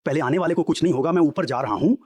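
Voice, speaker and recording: A man's voice: a little high, very fast, darkish tone, husky, no room sound. A man playing a greedy former gatekeeper turned blackmailer in a dubbed drama, wheedling and threatening.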